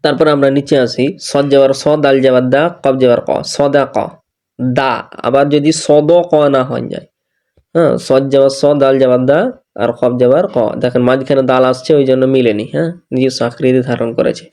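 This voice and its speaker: Man, Bangladeshi Bengali accent, recitation teacher, patient, repetitive, mellow timbre. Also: medium pitch, little pitch movement, fairly quick. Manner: patient, repeats each syllable and corrects mistakes. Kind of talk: slow teaching, spelling out letters and syllables.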